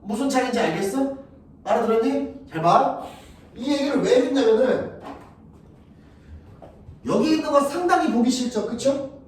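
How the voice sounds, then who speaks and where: A man's voice: extremely high pitch, expressive, normal speed, long pauses, darkish tone, far from the mic. Blunt, profane male math teacher, echoey classroom. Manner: blunt, crude and profane, keeps checking if students follow.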